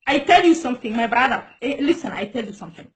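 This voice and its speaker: This woman's voice is on the high side, fast, and lively in intonation. Originally a Somali speaker from Djibouti, she hosts a casual live stream in broken English, repeating things and coaxing her guest.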